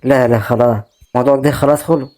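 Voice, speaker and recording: An actor with an Egyptian Arabic accent plays a web-drama role: a kind, proud brother left poor and homeless who keeps reassuring his sister not to worry, brushing off her concern. His medium-pitched voice is steady, a little mellow and close to everyday speech, and he races through his lines.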